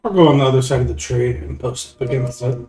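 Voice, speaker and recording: A man with a medium-pitched voice plays a tabletop fantasy game. He chats casually in character and out, picked up with a roomy echo. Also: quick pace, warm tone. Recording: roomy, echoing room recording.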